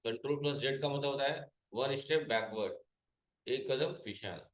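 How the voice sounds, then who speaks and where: A man's voice: medium pitch, normal speed, roomy sound, dull audio. A man teaching a computer class, asking his students questions and then answering them himself, repeating each key point. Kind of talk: classroom lesson.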